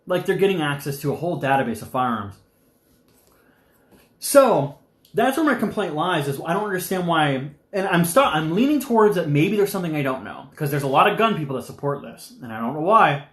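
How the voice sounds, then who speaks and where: A young man hosting a casual live stream, rambling and animated, sometimes talking with his mouth full. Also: fairly high pitch, echoey room.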